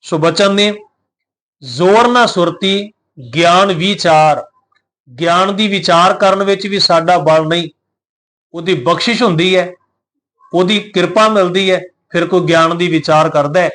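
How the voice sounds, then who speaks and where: High-voiced man teaching scripture. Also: fairly even intonation, fairly bright tone. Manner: slow drawn-out recitation of verses, then plain explanation; gives pronunciation guidance. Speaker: Gurbani teacher. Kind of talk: scripture recitation and explanation.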